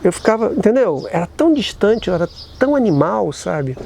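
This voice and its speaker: Lively man telling stories. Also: high voice, fairly quick, vocal fry, slight background noise. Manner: animated, colloquial, many restarts and tag questions. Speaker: vlogger sharing recovery reflections. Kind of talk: casual spoken reflection.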